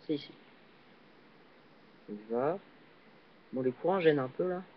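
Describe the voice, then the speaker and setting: A young man talks through a video game at an unhurried, slow pace, his voice sitting a little high. He hesitates and fills pauses as he goes, breaking into excited yelps on tricky jumps. The sound is dull and lo-fi, like a cheap computer mic. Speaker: gaming channel host. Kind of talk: casual game commentary. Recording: dull lo-fi recording.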